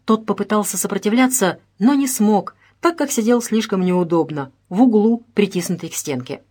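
A woman's voice: mid-range voice, lively intonation, moderate pace, darkish tone, slightly rough. Woman reading a detective audiobook. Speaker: audiobook narrator. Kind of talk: scripted narration.

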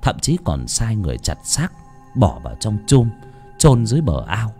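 A man narrating a horror story in an expressive, dramatic way. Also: lowish voice, normal speed, soft background music. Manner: expressive, swooping intonation. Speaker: audiobook narrator.

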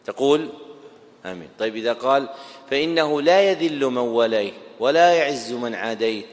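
A man teaches a religious lesson at a measured, deliberate pace. He repeats key phrases and keeps checking that his listeners follow. His mid-pitched voice rings with a long hall reverb. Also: animated. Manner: checks understanding and quizzes students. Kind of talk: classroom lecture explaining a text.

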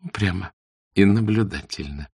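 A man voicing a shy, observant young woman in a classic novel audiobook, speaking softly and earnestly. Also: low-pitched, normal speed, gravelly, husky, no room sound, clean studio sound, heavily acted. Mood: reserved. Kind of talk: audiobook character reading.

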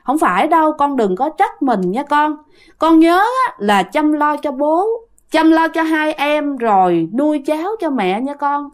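A woman voicing the ghost of a dead mother who speaks softly and gently in a dream. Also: high voice, big pitch swings, unhurried, voice pushed up. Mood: tender, soothing. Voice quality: soft and gentle.

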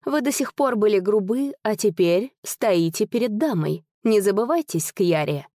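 A woman's voice: medium pitch, expressive, normal speed, mellow, dry recording, clean studio sound, lightly acted. A woman doing a stern young nobleman. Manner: firm, threatening.

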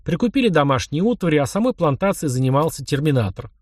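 A man's voice: on the high side, very animated, quick pace, a little mellow, dry recording, clean studio sound. A man narrating a first-person novel in a wry, conversational storytelling manner. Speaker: audiobook narrator.

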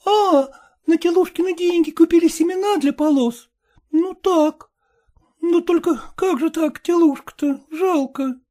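A man's voice: very high voice, unhurried, mellow, pitched above the performer's own voice. A male reader voicing an impatient young peasant woman who keeps pressing and pleading. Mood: dismayed. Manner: pleading, insistent.

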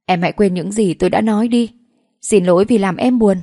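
A woman's voice: medium pitch, fairly quick, warm tone, no echo, studio quality, natural voice. A woman reading as a cold, harsh rich husband. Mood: apologetic. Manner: harsh, commanding, clipped. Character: cold, cruel wealthy young husband.

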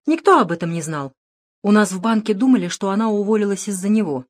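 A woman's voice: medium pitch, animated, fast talker, no room sound, clean studio sound, pitched above the performer's own voice, lightly acted. A woman reading a composed female bank clerk. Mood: matter-of-fact. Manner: plain, reproachful, matter-of-fact. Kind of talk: audiobook character reading.

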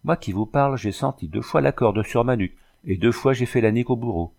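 A man's voice: mid-range voice, fairly quick, gravelly, a little mellow. A man reading a sea adventure storybook aloud, voicing the characters' lines. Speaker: audiobook narrator. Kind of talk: storybook reading with voiced dialogue.

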